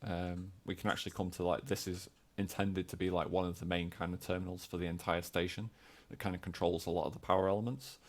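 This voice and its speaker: A game developer explaining footage, speaking hesitantly with many fillers. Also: male voice, sits low, flat delivery, fast talker, hardly any pauses. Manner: hesitant, full of hedging fillers.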